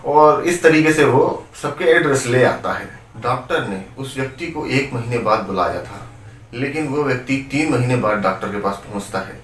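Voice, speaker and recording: A man's voice: mid-range voice, expressive, moderate pace, fairly bright tone, slight background noise. A man telling a motivational devotional story in a conversational way, often addressing his listeners as friends. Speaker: spiritual storyteller. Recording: roomy, distant from the mic.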